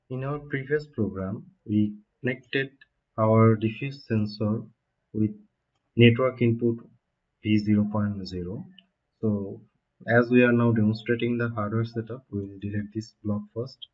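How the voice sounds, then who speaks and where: A man in his thirties giving a step-by-step technical tutorial from a desk in a small room. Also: medium pitch. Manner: steady step-by-step explaining. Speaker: automation instructor. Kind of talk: screen-recorded technical tutorial. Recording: dull lo-fi home recording.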